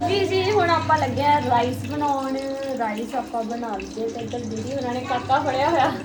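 A young woman with a high voice talks casually to viewers and family. She repeats words and phrases for emphasis. The home recording has noticeable background noise. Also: moderate pace. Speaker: family vlogger. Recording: noisy handheld home recording.

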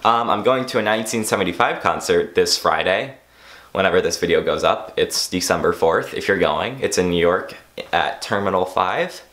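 A teenage boy vlogging casually, rambling with lots of "like" fillers and self-mockery, a bit hoarse. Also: sits low, animated, moderate pace, fairly bright tone. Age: teens. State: losing his voice. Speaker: YouTuber. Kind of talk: casual vlog monologue.

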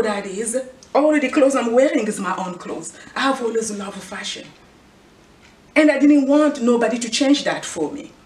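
In an echoey indoor room with a clothing rack, a faraway camera captures a middle-aged Congolese woman giving an earnest, preachy motivational talk. Her voice is on the high side, her accent Congolese, and she repeats a rhetorical question again and again. She is a fashion vlogger and clothing designer from the Congo, Central Africa.

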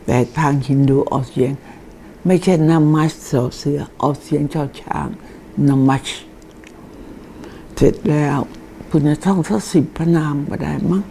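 An older woman giving a chatty, informal lesson on deity names, explaining slowly and reading names aloud. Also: low-pitched, creaky, dark tone, slight background noise.

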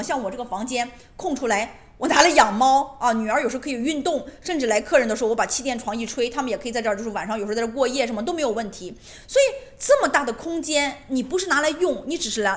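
A woman giving a casual monologue to camera at home, emphatic and repetitive, often asking rhetorical questions. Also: fairly high pitch. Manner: emphatic, repeats phrases, asks rhetorical questions. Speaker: lifestyle vlogger on decluttering. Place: her home.

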